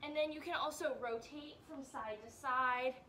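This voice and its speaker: A young woman teacher leading warm-ups and stretches for kids, upbeat and a bit out of breath, checking in often. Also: high voice, steady tone, moderate pace, distant mic, a little hiss or hum. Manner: upbeat coaching, checks in with "all right?". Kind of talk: guided exercise instruction.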